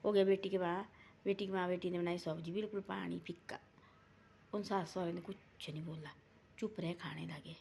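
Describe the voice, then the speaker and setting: A woman tells a homespun family tale in with a tinge, her low voice staying flat as she circles back over the same lines. She keeps it casual and repetitive, folding the characters' talk into her narration. A faint hiss sits under the recording. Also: moderate pace, gravelly. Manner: rambling, repetitive retelling with quoted dialogue. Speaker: storyteller. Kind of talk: casual folk story narration.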